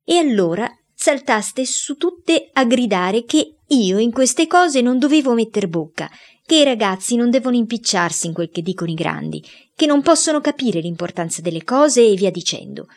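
A woman's voice: fairly high pitch, expressive, moderate pace, a little mellow, voice pushed up. A woman voicing a mischievous young boy who pleads and whines to excuse himself in a read-aloud story. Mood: pleading. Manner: whiny, pleading.

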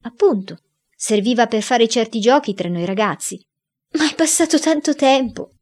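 A woman's voice: fairly high pitch, expressive, moderate pace, a little mellow, pitched above the performer's own voice. A woman voicing a mischievous young boy who pleads and whines to excuse himself in a read-aloud story. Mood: pleading. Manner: whiny, pleading.

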